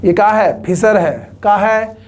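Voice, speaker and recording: A man's voice: sits high, a little slow, a little mellow. A man teaching chemistry to a class in a joking lecture, teasing the students and making playful mock threats.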